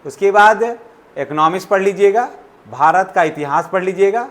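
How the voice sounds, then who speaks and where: Man listing exam topics, fairly high voice. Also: animated, a bit bright. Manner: lists topics in rapid repetitive instructions. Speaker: channel host. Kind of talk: exam syllabus explainer.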